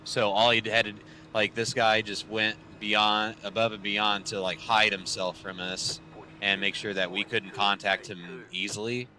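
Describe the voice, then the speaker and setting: Deep-voiced man chatting casually on stream. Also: level tone, measured pace, bright, forceful tone, slight background noise. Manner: rambling, sarcastic, filler-heavy. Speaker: sim racing streamer. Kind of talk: casual chat to viewers. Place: home sim racing setup.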